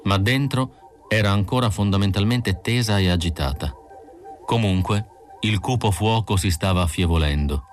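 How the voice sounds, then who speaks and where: A man narrating an audiobook in a measured, steady reading. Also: low voice. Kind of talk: scripted narration.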